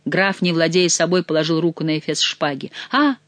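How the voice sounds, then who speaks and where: A woman narrating a classic novel as an audiobook in a measured storytelling manner. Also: sits low, little pitch movement, dry recording. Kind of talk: scripted narration.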